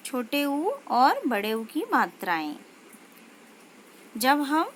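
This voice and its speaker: A woman teaching a children's language lesson, saying each word slowly and twice. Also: sits high, a little hiss or hum. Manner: slow, drawn-out pronunciation of each word, repeating it twice. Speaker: school teacher.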